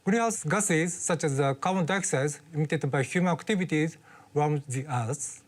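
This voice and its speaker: Brief: interview guest, mid-pitched, explanatory and measured delivery. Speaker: expert guest.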